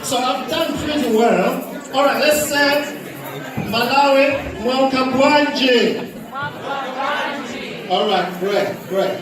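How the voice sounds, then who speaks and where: High-voiced Zambian man in an echoey hall. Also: slow, pauses often. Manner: chatty and humorous, leads audience call-and-response. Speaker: guest speaker. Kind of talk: public talk to an audience. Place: large indoor hall. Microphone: handheld mic. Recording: echoey hall from far off with crowd and noise.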